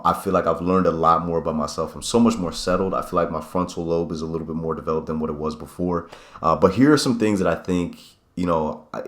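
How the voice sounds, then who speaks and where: A man in his late twenties talking casually to camera in a vlog, reflective and rambling, often restarting his sentences. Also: low voice. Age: 20s. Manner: rambling, self-correcting, reflective. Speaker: vlogger. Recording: echoey room.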